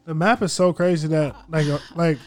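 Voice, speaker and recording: A man's voice: on the high side, steady tone, a little fast, music in the background. A man co-hosting a casual podcast chat, slangy and laid-back, often trailing off with "like". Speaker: podcast co-host.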